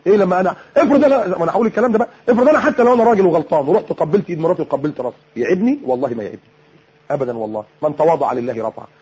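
Raspy fast-talking Egyptian preacher. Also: male voice, high-pitched, lively intonation, darkish tone. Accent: Egyptian Arabic. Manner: exhorting, keeps throwing rhetorical questions at listeners. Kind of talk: colloquial sermon on marriage. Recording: dull lo-fi recording.

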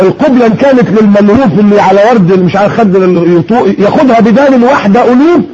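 A man with an Egyptian Arabic accent preaches a sermon, firing off rhetorical questions and mockingly repeating words. His voice sits high, warm and slightly rough, and the audio is muffled and lo-fi.

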